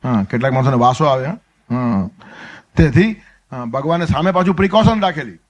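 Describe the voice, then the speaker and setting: A man with a Gujarati accent gives a Gita discourse, telling stories and acting out the characters' lines with sudden drops into soft asides. His mid-range voice is animated and brisk, though the audio sounds dull. He is a spiritual discourse speaker.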